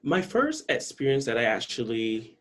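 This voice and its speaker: A man in his twenties from Barbados, telling his story in a measured, reflective way over a video call. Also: medium pitch, sing-song, a bit bright. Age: 20s. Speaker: interviewee.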